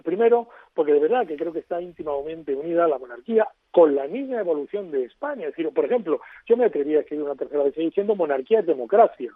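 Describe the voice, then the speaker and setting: A man's voice: a little high, animated, fast talker, few pauses, no echo. A man as a radio guest, explaining at length in an expansive, lecturing way over a phone line.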